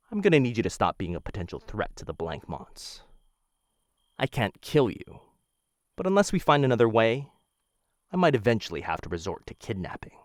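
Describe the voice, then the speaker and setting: A man performs a smooth, dangerous young noble assassin and possessive suitor in intimate, scripted boyfriend ASMR roleplay. His low, silky voice is courtly, measured and softly menacing, quietly threatening as he calls the listener "my dear." The studio-quality recording has no echo.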